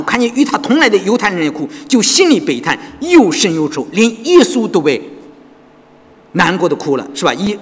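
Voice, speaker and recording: Male pastor, high husky voice, animated sermon, echoing church hall. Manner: animated preaching with frequent rhetorical questions to the congregation.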